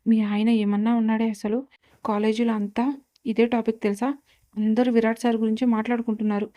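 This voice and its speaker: A woman voicing a loud, chatty young female college student who rattles on without a pause in a storybook reading. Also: on the high side, level tone, lightly acted. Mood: gossipy. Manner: rattles on nonstop, teasing.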